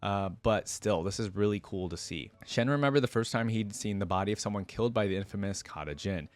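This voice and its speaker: A man with a lowish voice reads a story aloud at a brisk clip, with no room sound. As a reaction video creator, he keeps interrupting with casual, enthusiastic asides, often saying "like."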